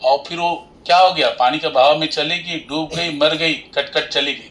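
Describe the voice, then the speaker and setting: Man telling a lively devotional parable. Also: fairly high pitch, normal speed, a little hiss or hum. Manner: acts out both sides of a comic parable, swinging loud and soft. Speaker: katha narrator. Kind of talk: devotional storytelling sermon. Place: Navi Mumbai.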